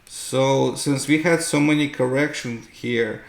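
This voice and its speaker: Here a gravelly-voiced man talks slowly through charts as host and market analyst, his medium pitch and intonation staying fairly even. The commentary is unscripted and explanatory, peppered with "right?" to check understanding, and recorded in an echoing room.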